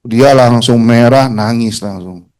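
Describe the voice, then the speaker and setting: A man's voice: mid-range voice, slow. A man giving a talk to an audience, telling a personal story in casual slang and acting out the other people in it. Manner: colloquial Jakarta slang, animated, mimics voices. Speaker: motivational speaker.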